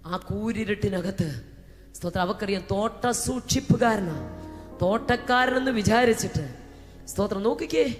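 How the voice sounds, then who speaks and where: A woman preacher from Kerala giving a fervent Pentecostal sermon. She swings between shouting and hushed talk and breaks into speaking in tongues. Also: mid-range voice, lively intonation, normal speed. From Kerala, India. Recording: echoey hall with faint music.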